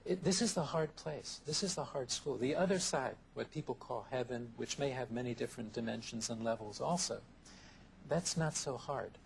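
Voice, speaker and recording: A man answering interview questions in a thoughtful, measured way, often listing ideas one after another, heard from a worn VHS tape copy. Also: medium pitch, gravelly, slight background noise. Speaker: interview guest, therapist.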